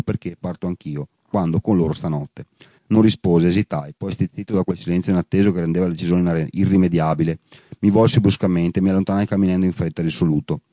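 A man's voice: sits low, mellow, dry recording. A man reading a literary novel aloud in the first person, now and then correcting a slip as he goes. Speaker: audiobook reader. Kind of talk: literary audiobook narration.

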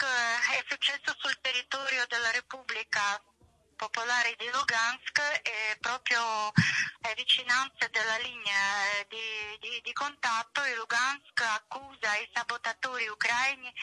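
A woman calls in over a phone line and is put on speakerphone for a live broadcast. Her voice is very bright and cutting, pitched a little high. She reads news bulletins haltingly, stopping often on long drawn-out fillers. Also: steady tone, no room sound. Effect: heard over a phone on speakerphone. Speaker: news correspondent. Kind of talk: reading news reports live on air. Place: remote location, calling in to a radio show.

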